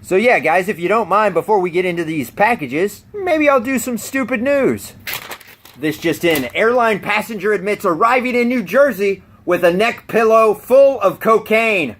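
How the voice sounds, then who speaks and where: A man's voice: high voice, animated, normal speed, fairly bright tone. A man hosting a comedic news rant, sarcastic and mocking, who laughs at his own jokes. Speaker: YouTube host.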